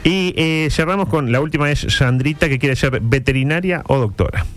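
A man's voice: a little high, normal speed. A male radio host with a Uruguayan accent chats through humorous commentary. He keeps a mock-serious, colloquial tone and wanders into digressions. Music plays in the background. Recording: music playing behind the voice.

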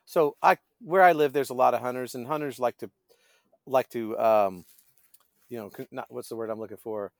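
A man's voice: medium pitch, normal speed, dry recording, clean studio sound. A middle-aged man, a pastor and fishing guide, chatting as a podcast guest and often searching for his words. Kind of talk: casual conversational storytelling.

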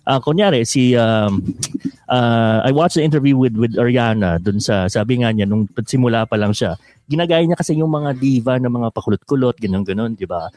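A man's voice: medium pitch, moderate pace, darkish tone, dry recording. A male host in a casual interview, chatty and laughing often as he reads out viewer questions.

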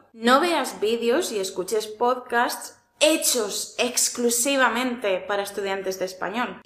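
A woman with a Spain Spanish accent teaches a language lesson, speaking slowly and with care. Her voice sits a little high, and she coaches in a clear, deliberate way. The room around her echoes.

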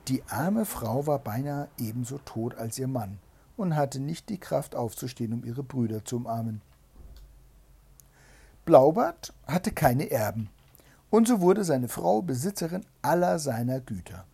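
Gravelly man reading a fairy tale. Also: mid-range voice, measured pace. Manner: dramatic, expressive narration. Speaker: storyteller.

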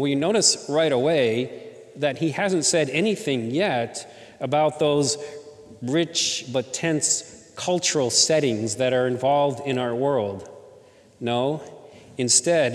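A male pastor delivering a sermon from the pulpit, talking conversationally and tossing out rhetorical questions to the congregation. His voice sits a bit higher than most men's. A long church reverb trails each phrase. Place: church in Southern California.

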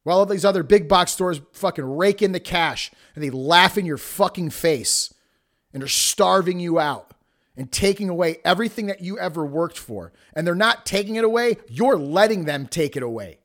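A man hosting a show, delivering a forceful, emphatic motivational monologue straight at the listener in blunt, sweary tough-love language. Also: high voice, animated, moderate pace. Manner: preachy, addresses listeners directly. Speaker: podcast host.

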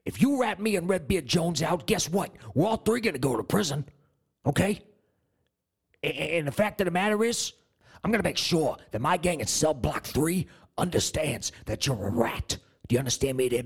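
A man's voice: medium pitch, vocal fry, slightly rough. A man co-hosting a podcast, doing an improvised comedy bit with rambling, mock-menacing tough-guy talk. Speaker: podcast co-host.

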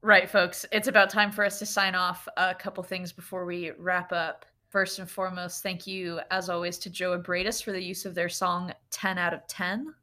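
A woman co-hosting a comedy podcast with a crisp, bright voice. Her delivery is casual and playful, full of deadpan jokes, and her pitch sits slightly low. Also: normal speed, hardly any pauses. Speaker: podcast co-host.

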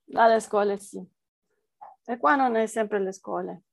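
A woman's voice: medium pitch, unhurried, vocal fry, dry recording. A woman researcher with a foreign accent, answering interview questions hesitantly as she searches for words in a language that is not her first. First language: not Italian, speaks it as a foreign language.

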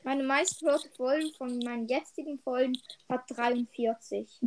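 A woman's voice: high voice, a little slow, darkish tone, a little hiss or hum, poor audio. A young female podcast host chatting casually about gaming, matter-of-fact and a bit defensive.

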